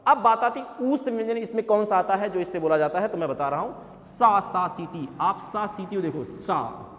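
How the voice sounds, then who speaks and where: A man's voice: high-pitched, moderate pace, fairly bright tone, big-room sound, a little hiss or hum. A man teaching an exam-prep grammar lesson, saying sounds aloud as examples and calling his viewers sir.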